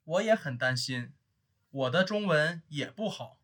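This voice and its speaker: A man with a somewhat high voice reads lines from a textbook conversation. He speaks in a careful, measured way, as in a prepared lesson recording. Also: lively intonation, fairly bright tone. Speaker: dialogue reader in a language lesson. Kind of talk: scripted textbook dialogue.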